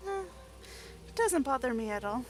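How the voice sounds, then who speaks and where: A woman playing her cleric at a tabletop game, playful and quick to laugh. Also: sits high, sing-song, faint music behind. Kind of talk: casual tabletop game play.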